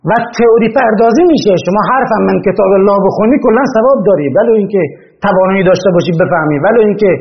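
A man giving a religious lecture, arguing with rising emphasis as he presses each point. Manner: impassioned, rising in pitch when stressing points. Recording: dull lo-fi recording with faint noise.

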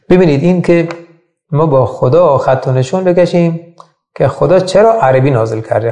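Guy teaching religion, gravelly fairly high voice, asks the listeners lots of questions, echoey room. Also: mellow. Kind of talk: religious lecture.

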